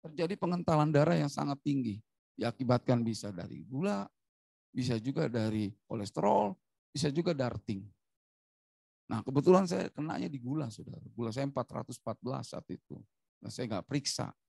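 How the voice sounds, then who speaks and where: An Indonesian man in middle age preaches with a rough, gravelly voice. He delivers his testimony animatedly and keeps turning to the congregation. The sound is dry and close, with no room echo. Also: mid-range voice, brisk. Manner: animated, frequently addressing the congregation. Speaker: evangelist preacher. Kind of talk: sermon testimony.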